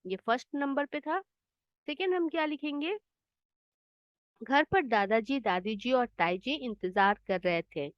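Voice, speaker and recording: A woman's voice: sits high, animated, measured pace, pauses often, no room sound. Patient woman teaching a children's lesson. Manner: patient, explains words in English. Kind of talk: children's Hindi lesson, explaining answers. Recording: dull, slightly muffled dry sound.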